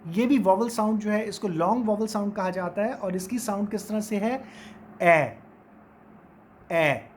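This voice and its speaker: A man's voice: high voice, warm tone, a little hiss or hum. A man teaching English phonetics in a recorded lecture, drawing out and repeating each vowel sound and example word aloud. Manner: slow, repeats sounds and words aloud to demonstrate them.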